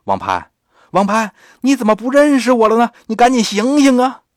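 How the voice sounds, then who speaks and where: A man's voice: medium pitch, lively intonation, unhurried, a bit bright, no echo, studio quality. A man doing a sly fake Taoist priest. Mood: insistent shouting.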